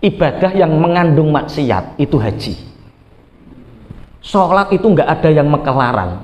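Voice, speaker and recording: A man with a Javanese accent preaching to an audience, telling jokey, animated stories and slipping into Javanese. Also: a little high, measured pace. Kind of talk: humorous religious talk. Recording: echoey hall with long reverb.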